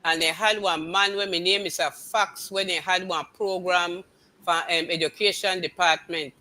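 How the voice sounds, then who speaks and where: A woman's voice: on the low side, steady tone, normal speed, pushed and bright. An older woman with a Belizean Creole accent, chatting casually and emphatically, often repeating phrases to insist on her point. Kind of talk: animated casual chat.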